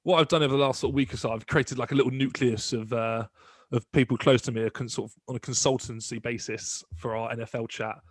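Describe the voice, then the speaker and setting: A man's voice: mid-range voice, fairly even intonation, dry recording. A man co-hosting a podcast in casual chat, chatty and full of restarts. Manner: quick, chatty, many restarts. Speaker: podcast co-host.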